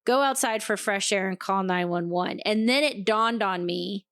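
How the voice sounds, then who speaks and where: A woman co-hosting a podcast, telling a story in casual chat, animated and swearing freely as she acts out what people said. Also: medium pitch, normal speed, clear, resonant tone, no room sound, studio quality. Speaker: podcast co-host.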